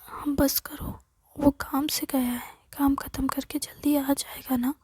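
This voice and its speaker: A woman voicing a calm middle-aged father who soothes his wife, in a whispered role-play. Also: sits high, measured pace, no room sound. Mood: placating.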